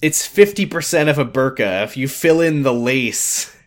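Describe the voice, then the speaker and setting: A man's voice: mid-range voice, lively intonation, moderate pace. A man co-hosting a casual podcast, wryly recapping the plot of a TV show. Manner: wry, plot-recapping, acts out characters in quotes. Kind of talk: casual chat.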